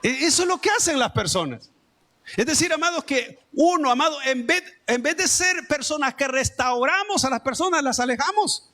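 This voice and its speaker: A man preaches a sermon with a Salvadoran accent, his voice pitched very high for a man. He keeps turning to the congregation with rhetorical questions. He calls them "amados" in an emphatic pulpit manner. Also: expressive, moderate pace, sharp tone. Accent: Salvadoran Spanish. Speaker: pastor. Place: church.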